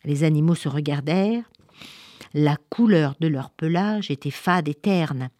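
A woman reading a children's story aloud in an expressive, lively way. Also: deep voice, a little slow, dry recording.

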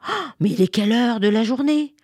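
Grumpy old Winter, a bearded man just woken from a long sleep, as a woman storyteller plays him. He grumbles and sounds bewildered. His voice swings widely in pitch and sounds dry and close. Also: lively intonation, fairly quick, darkish tone, slightly rough, dry recording.

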